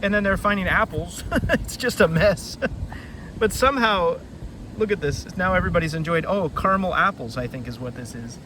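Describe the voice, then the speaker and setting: The recording is noisy and outdoors, made beside a river, where a man with a high, expressive voice talks at a moderate pace. Hosting a laid-back children's read-aloud, he summarizes a kids' book, rambling and drifting off-topic.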